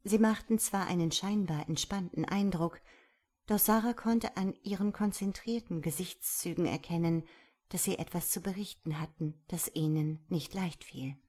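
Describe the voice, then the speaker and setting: Soft-spoken woman reading a story. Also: lowish voice, moderate pace. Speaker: narrator.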